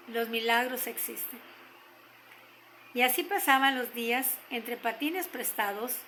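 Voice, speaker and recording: An older woman with a Mexican accent telling a story gently, slowing down to stress key moments. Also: fairly high pitch, a little hiss or hum, poor audio. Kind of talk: told story.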